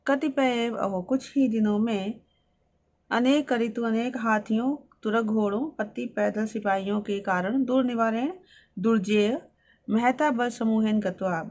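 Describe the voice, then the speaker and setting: A woman teacher reading Sanskrit lines and explaining each one, in a steady line-by-line lesson. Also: on the high side, unhurried.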